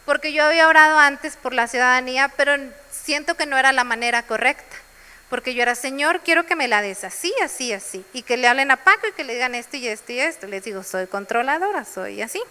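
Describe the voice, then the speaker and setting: A woman's voice: high voice, fast talker, bright, forceful tone, clean tone, in a large hall. A woman preaching a sermon in a church, sharing personal testimony.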